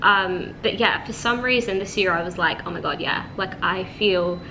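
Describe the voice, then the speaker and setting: A woman in her twenties chatting casually to camera at home as a vlogger, relaxed and full of "like". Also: lowish voice, moderate pace. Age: 20s. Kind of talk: casual vlog chat. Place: at home, indoors. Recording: noticeable room ambience noise.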